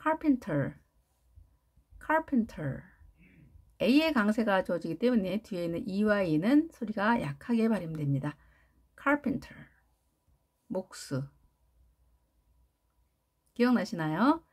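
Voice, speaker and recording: A woman teaching English pronunciation in Korean, repeating each word slowly and stressing syllables. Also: medium pitch, big pitch swings, darkish tone. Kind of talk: pronunciation lesson with drilled repetitions.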